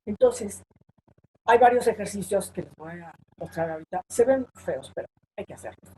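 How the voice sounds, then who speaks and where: Woman coaching on presentations, emphatic, mid pitch, lots of up and down in her voice, faint noise behind. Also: expressive, moderate pace, rough recording. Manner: emphatic, shifts pitch and loudness to demonstrate points. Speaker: public speaking trainer. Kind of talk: online presentation workshop.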